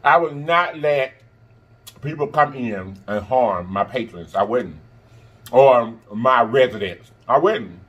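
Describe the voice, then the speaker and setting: A man with a husky voice, chatting casually and emphatically as he eats crunchy fried chicken, often pausing and humming between bites. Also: medium pitch, animated, fairly bright tone, highs cut off. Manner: eating crunchy fried chicken while talking, with pauses and mm-hums; sassy, emphatic, repeats phrases for emphasis. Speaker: mukbang host. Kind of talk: casual chat while eating. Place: indoors in front of a green backdrop at a table of food.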